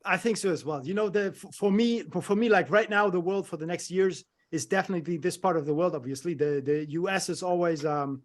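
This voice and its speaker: A man's voice: high voice, a little fast, hardly any pauses. A man hosting an interview over a video call, hesitant and friendly, with many fillers and non-native phrasing. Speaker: interview host. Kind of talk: conversational interview.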